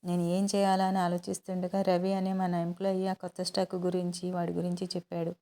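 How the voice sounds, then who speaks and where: Woman doing a hurt angry young woman, blaming him, low and flat. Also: fairly quick, natural voice. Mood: annoyed. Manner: tearful, reproachful. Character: hurt, hot-tempered young businesswoman.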